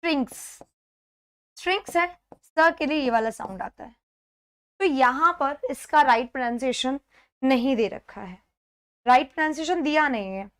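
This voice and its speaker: Woman, high-pitched, live online lesson, step-by-step explaining, slow repeated pronunciations. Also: fairly bright tone, clean tone. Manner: explains step by step, often checks in with "theek hai"; repeats words slowly to model pronunciation. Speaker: English exam teacher.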